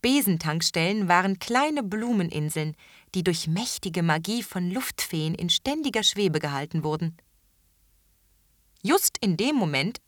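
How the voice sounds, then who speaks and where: A woman reading a children's story aloud in an expressive way. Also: lowish voice, no room sound, clean studio sound. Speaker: narrator. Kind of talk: audiobook narration.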